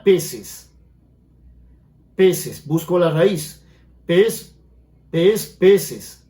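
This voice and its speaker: Male grammar teacher, high voice, explanatory, echoey room. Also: darkish tone. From Peru. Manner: explanatory, asks students frequent check questions. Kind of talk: exam-prep grammar lesson.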